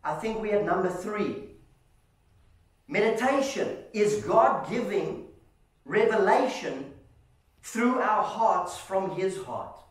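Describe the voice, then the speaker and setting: A man preaching a sermon to his congregation, lively and animated, often calling them "family" and asking "Amen?". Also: sits high, slow, long pauses. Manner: animated, calls listeners "family" and checks in with "Amen?". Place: church hall. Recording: echoey hall, voice from far off.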